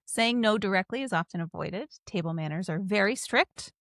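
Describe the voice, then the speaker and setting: A woman's voice: mid-range voice, lively intonation, moderate pace, a bit bright, dry recording. Woman, casual podcast co-host, talkative, dry mic. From United States. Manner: chatty, laughs often, mimics voices. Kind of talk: casual chat.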